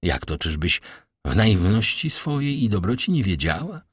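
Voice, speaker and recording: A man's voice: lowish voice, big pitch swings, moderate pace, husky, no echo, studio quality. A man reading aloud as a grave, fatherly nobleman, speaking in a solemn, reassuring way.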